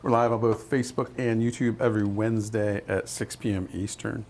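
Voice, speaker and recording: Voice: medium pitch, fairly even intonation, brisk, a little mellow, slight background noise. A co-host on a casual livestream, friendly, reading viewer comments and pointing viewers to links. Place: aquarium studio.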